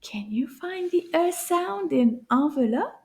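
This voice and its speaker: A woman teaching a French lesson to children, pronouncing each word slowly and encouragingly. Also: high voice, gravelly. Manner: slow, drawn-out enunciation for learners; animated, encouraging teacher talk.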